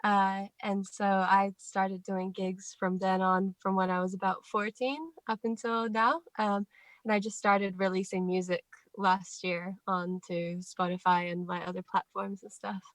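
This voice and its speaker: A woman's voice: medium pitch, level tone, unhurried, no echo, poor audio. Woman with a Scottish–New Zealand accent. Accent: mix of Scottish and New Zealand. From Scotland, raised in New Zealand. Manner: easygoing, laughs often, many fillers. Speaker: guest musician. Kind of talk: casual chat.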